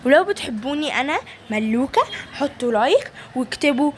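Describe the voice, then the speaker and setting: An Egyptian woman hosts a kids' toy channel, chatting brightly to her viewers. Her voice is high, with a faint hiss of noise behind it. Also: lively intonation, fairly quick. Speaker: channel host. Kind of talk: kids' toy video narration.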